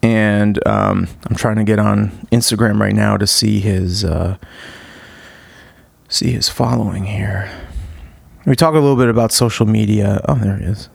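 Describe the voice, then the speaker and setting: A podcast host in his thirties opens the show and chats casually in a fairly low voice with vocal fry, recorded without echo. He's enthusiastic and rambling, with heaps of fillers and restarts.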